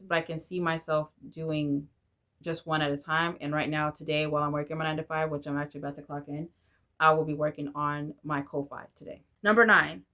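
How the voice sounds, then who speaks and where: A native Spanish speaker in her forties talks candidly to camera in a rambling vlog. Her voice is on the low side, bright and forceful, with a casual tone.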